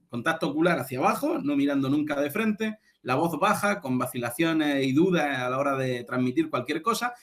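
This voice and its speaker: A man delivering a recorded lecture in a fairly high voice. He explains patiently and keeps checking that his listeners follow along, with lots of small fillers between points. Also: fairly bright tone.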